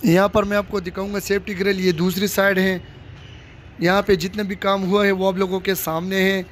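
A man with a high voice vlogs a casual walking tour of a cricket stadium under construction, filming on a handheld phone he holds outdoors. He delivers his construction updates briskly and flatly, speaking straight to viewers with repeated showing phrases, as faint background noise plays.

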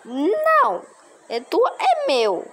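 A woman voicing a cheeky schoolboy who sneaks his phone into class, talking in a squeaky, fibbing way. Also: wildly swooping pitch, very slow, a bit bright, heavily acted. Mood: pleading.

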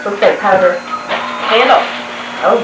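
A woman's voice: medium pitch, unhurried, music in the background. A woman chatting casually as she opens gifts at home, naming each one aloud, heard on an old VHS home video tape recorded by a camcorder from across the room. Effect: old VHS home video tape sound. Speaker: family member opening gifts. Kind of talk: casual chat. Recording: hissy, roomy old camcorder tape from far off.

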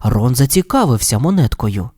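An expressive audiobook narrator reading a children's story aloud. The voice has a middle pitch and rises and falls in a lively way. It keeps a steady storytelling flow. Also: normal speed, breathy edge, dry recording, studio quality.

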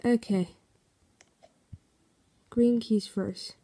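A woman gives relaxed, slow-paced commentary over her own gameplay. She reads in-game notes aloud and reacts out loud as she plays. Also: a little high. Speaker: game video maker.

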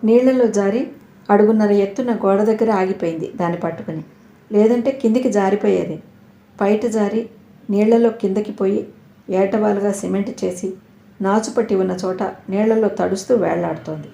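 A woman storyteller reading a first-person audio story in a soft, reflective way, in a roomy echoing recording. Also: medium pitch, normal speed, creaky. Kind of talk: scripted audio-story narration. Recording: roomy echo.

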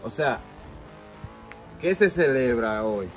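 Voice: medium pitch, expressive, slow. An adult with a Dominican Spanish accent chatting casually in a comedy skit, with exasperated, teasing exclamations. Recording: music under the voice. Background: background music.

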